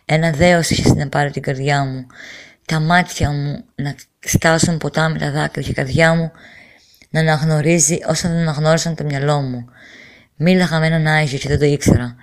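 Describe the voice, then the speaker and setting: A middle-aged woman telling a personal testimony in an earnest, halting way, repeating phrases and restarting sentences. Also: low-pitched, steady tone. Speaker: storyteller giving a personal testimony. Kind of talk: emotional first-person testimony.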